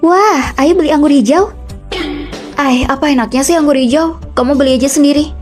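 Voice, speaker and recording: A young woman dubbing several college dorm roommates in a short drama, trading quick, bickering lines and switching between characters. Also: sits high, a little mellow, faint music behind. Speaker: voice actor.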